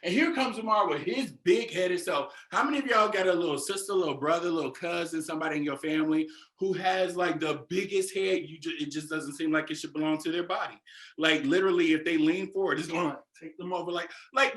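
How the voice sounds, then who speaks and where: A young adult man giving a keynote speech, telling a story in an animated way and talking straight to the audience. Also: on the high side, brisk. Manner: animated, addresses audience directly as "y'all". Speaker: keynote speaker. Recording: roomy echo.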